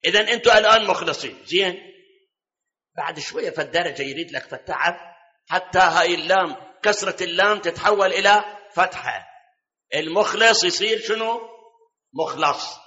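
Man, sermon, keeps quizzing the audience, sharp tone. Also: sits high, fairly quick. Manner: quizzes the audience, quotes scripture. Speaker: preacher. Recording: dull lo-fi recording.

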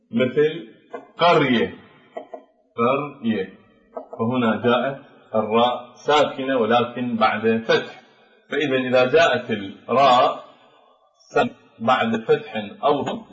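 A man teaching a tajweed lesson, explaining pronunciation rules slowly and deliberately, repeating each example word. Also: medium pitch, far from the mic. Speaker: Quran recitation teacher. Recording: dull echoey room recording.

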